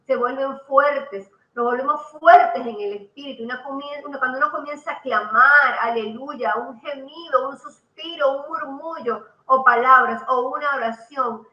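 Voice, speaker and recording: A woman preaches a televised sermon in a bright, fairly high voice, repeating her phrases and throwing in hallelujah as she builds emphasis. The sound is echoey and slightly muffled. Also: normal speed, hardly any pauses. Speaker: prophet and TV program host.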